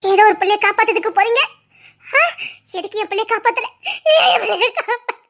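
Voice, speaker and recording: An actress playing a grieving young mother who lost her child, speaking with a Tirunelveli Tamil accent, sobbing, laughing hysterically and shouting accusations in an emotional drama. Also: very high voice, fast. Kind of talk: emotional web drama acting.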